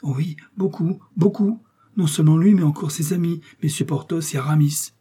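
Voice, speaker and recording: Brief: earnest young novice, emphatic, dark breathy timbre, played by a man. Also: a little high, fairly even intonation, fast, pitched above the performer's own voice. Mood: excited. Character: earnest, trusting young woman, a novice in a convent.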